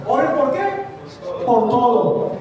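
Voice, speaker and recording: A man's voice: very high voice, animated, slow pace, a crowd in the background. A male preacher giving an emphatic sermon to a congregation, asking it many questions. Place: church hall. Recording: echoey church hall, distant mic.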